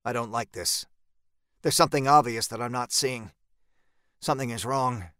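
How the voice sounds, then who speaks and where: Reading a scripted first-person horror story, this male narrator sounds tense and dramatic and phrases each line deliberately. His voice is smooth, bright and mid-range, captured in a very dry recording.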